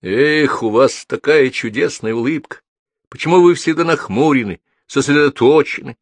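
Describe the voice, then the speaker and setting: A man's voice: mid-range voice, normal speed, no echo, voice pushed up, natural voice. A man voicing a playful, self-mocking middle-aged writer who jokes eagerly, in a dry close recording. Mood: excited. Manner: joking, lively.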